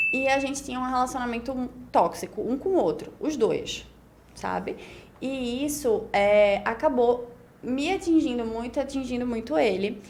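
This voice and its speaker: Against slight background noise, a woman's slightly high, slightly mellow voice comes through. She is in her twenties, has a Pernambuco Brazilian Portuguese accent, and is a beauty pageant winner on a casual podcast as a guest, talking reflectively in long, run-on stretches with frequent "né?".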